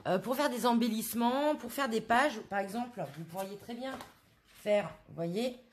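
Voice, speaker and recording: A woman's voice: fairly high pitch, moderate pace, slight background noise. A woman from France in a casual haul video, chatting to her viewers with many hesitant fillers. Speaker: craft vlogger.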